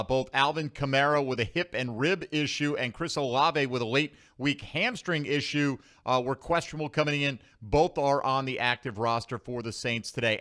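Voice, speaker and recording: A man's voice: mid-range voice, fairly bright tone. An American man co-hosting sports radio, giving fantasy football commentary.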